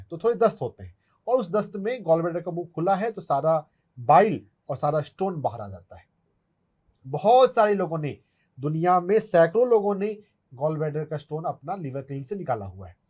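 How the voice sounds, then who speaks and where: A man's voice: high voice, a little mellow. This is a man, explaining acupressure points patiently and step by step. He speaks as an expert answering a viewer's question. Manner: instructive, step-by-step, demonstrates on his hand. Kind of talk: explanatory health Q&A.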